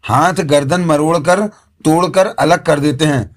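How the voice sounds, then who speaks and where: A man's voice: on the high side, unhurried, natural voice. A man voicing a stern, pompous male jinn who orders his slaves about. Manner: stern, commanding.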